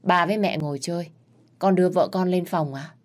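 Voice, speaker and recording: A woman voicing a busy boss husband who speaks softly and pleads with his wife. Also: lowish voice, brisk, natural voice. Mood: pleading. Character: hardworking husband, a boss, gentle and yielding.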